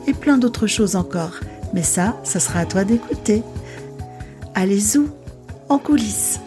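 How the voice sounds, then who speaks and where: A woman's voice: medium pitch, lively intonation, a little slow, over music. A woman hosting an arts podcast and interviewing a guest, speaking in a welcoming, direct way to the listener. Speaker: podcast host and cultural mediator. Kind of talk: scripted podcast intro and interview. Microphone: video call.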